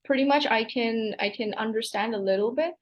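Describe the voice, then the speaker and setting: In this casual interview over a video call, the guest is a Hong Kong woman in her twenties doing a PhD, chatty and leaning heavily on "like." She speaks at a fairly high pitch, a little fast, and the audio is dull.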